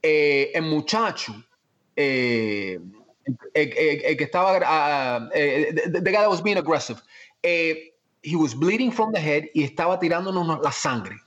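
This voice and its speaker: A man with a Cuban accent, an actor telling stories from his career in an animated, emphatic way. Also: fairly high pitch. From Miami, United States. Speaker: actor guest. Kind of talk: casual anecdotal storytelling.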